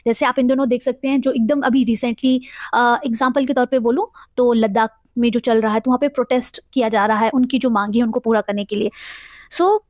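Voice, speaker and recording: A woman with an Indian accent teaching English vocabulary. She reads English example sentences very slowly, then explains them at length, asking questions and answering them herself. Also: high voice, darkish tone, dry recording, studio quality. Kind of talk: vocabulary lesson in Hindi mixed with English.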